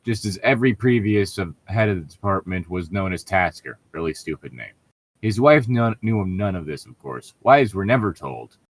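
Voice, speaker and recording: A low, husky male voice with animated delivery and a moderate pace reads a story aloud as co-host. He keeps interrupting with sarcastic, irritable, profane remarks and casual banter, heckling sardonically.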